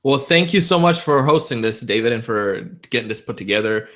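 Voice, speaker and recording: A man's voice: mid-range voice, expressive, brisk, fairly bright tone. A man from Jamaica, a public speaking champion, talking enthusiastically as a guest in a webinar interview over a video call.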